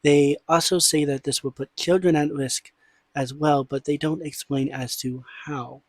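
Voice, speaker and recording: A man delivering scripted commentary in a measured, formal way, as an online content creator. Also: on the high side, steady tone, a little mellow, dry recording. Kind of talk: scripted commentary, reading and responding to statements.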